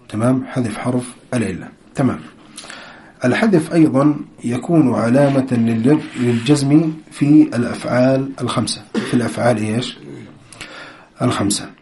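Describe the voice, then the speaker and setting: A man teaching grammar, asking his own questions, answering them and repeating key terms, often clearing his throat. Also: medium pitch, mellow. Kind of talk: explanatory lesson with quiz questions.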